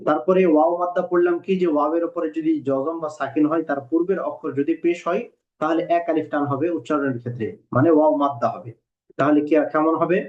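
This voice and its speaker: A man teaching Quran reading in a recorded lesson, patiently repeating rules and spelling letters out slowly. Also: fairly high pitch. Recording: dull lo-fi recording.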